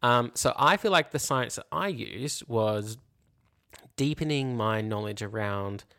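A man with a medium-pitched, pushed and bright voice co-hosts a podcast, sounding animated but keeping a measured pace. The chat is casual and reflective, and he explains things hesitantly, peppering his speech with "you know" and "like."

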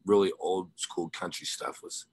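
This man from the Ozarks in the United States is a rock musician being interviewed, chatting in a rambling, slangy, informal American way. His voice sits low with fairly even intonation, a moderate pace, and a slightly rough texture, in a dry recording.

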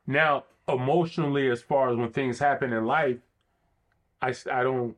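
A man's voice: mid-range voice, fairly even intonation, moderate pace. Earnest, thoughtful man in conversation. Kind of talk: reflective conversation.

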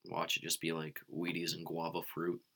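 Low gravelly man, dry crude joker. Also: completely flat delivery, moderate pace, bright, forceful tone. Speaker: podcast co-host. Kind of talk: casual sports chat.

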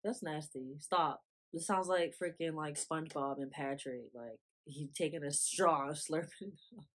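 Low-voiced young woman, blunt and reactive. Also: moderate pace. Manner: blunt, repeats her disgust, animated reactions. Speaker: podcast co-host. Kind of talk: casual chat.

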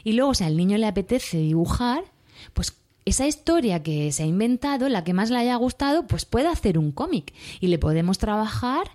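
A woman's voice: mid-range voice, very animated, moderate pace, mellow. A woman in her thirties, a teacher and parent, talking chattily on a podcast and explaining activities with examples, with many restarts. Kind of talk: casual podcast talk.

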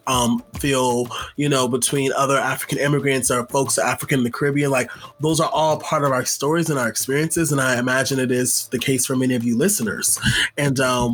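A man with a fairly high voice co-hosts a podcast. He talks with enthusiasm and thoughtful reflection. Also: fairly bright tone. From Los Angeles. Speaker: podcast co-host. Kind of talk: casual podcast intro.

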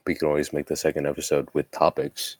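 A young man with a deep voice co-hosting a casual podcast, teasing with deadpan asides. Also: fast talker, no echo, clean studio sound. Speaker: podcast co-host.

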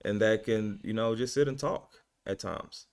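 A man's voice: on the low side, normal speed, smooth. A man who mentors college athletes, talking in a casual interview, laughing often and repeating words as he thinks. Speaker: guest, football program staff mentor.

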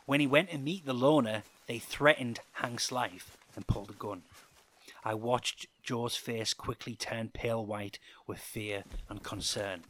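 A man reading a first-person story aloud as scripted narration, with an expressive delivery. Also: mid-range voice, unhurried, no echo.

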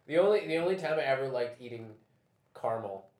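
A young man moderating a casual roundtable chat, relaxed and rambling, often trailing off and restarting. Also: mid-range voice, quick pace. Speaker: discussion moderator. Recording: roomy echo.

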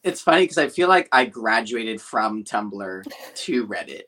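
A man in his twenties, a podcast guest who tells stories in an animated, self-dramatizing way. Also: lowish voice, a little slow. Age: 20s. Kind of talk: casual podcast chat.

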